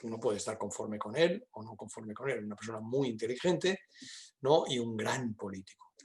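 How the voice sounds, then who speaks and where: An older Catalan man with a Spain Spanish accent, a university professor and guest speaker, answers questions informally in a fairly low voice at normal speed. His style is discursive and emphatic, peppered with little question tags.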